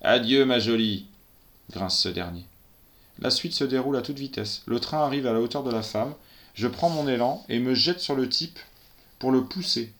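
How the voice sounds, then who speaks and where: A man reading a first-person story aloud in a tense, breathless storytelling manner. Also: medium pitch. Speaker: narrator.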